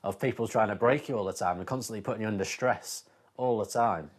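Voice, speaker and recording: A man's voice: on the low side, quick pace. A man from Northern Ireland, a former soldier, recalling his army training in loose, filler-heavy storytelling. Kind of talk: casual recollection.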